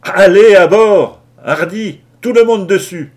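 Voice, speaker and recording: A man's voice: mid-range voice, expressive, measured pace, darkish tone. A man reading an audiobook, voicing a brutal, cold-hearted sea captain with a dry, mocking tone. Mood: shouting orders.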